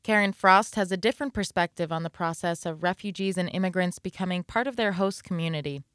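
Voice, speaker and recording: A woman reporter reads a scripted radio news piece in an even, measured voice. Her tone is smooth and crisp, and the recording is dry and close, with no room sound. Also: fairly low pitch, no echo.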